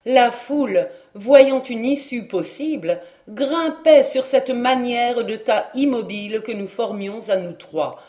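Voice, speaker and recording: An audiobook reader narrating a classic novel in the first person, in a measured, literary style. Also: medium pitch, animated, warm tone. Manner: slow, measured reading.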